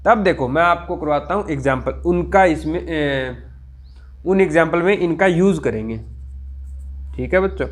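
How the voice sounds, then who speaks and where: A man teaching a college math lecture, dictating slowly and checking in with his students often. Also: a little high. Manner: slow, drawn-out dictation with frequent check-ins.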